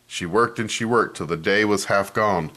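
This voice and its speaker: Normal in speed and fairly low in pitch, this man's voice carries an expressive reading of a children's picture book. He comments on the pages while he reads.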